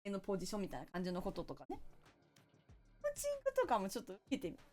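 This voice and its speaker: A woman's voice: mid-range voice, huge pitch swings, rapid-fire, darkish tone, faint music behind. A woman game streamer, chatting casually and thanking viewers one by one.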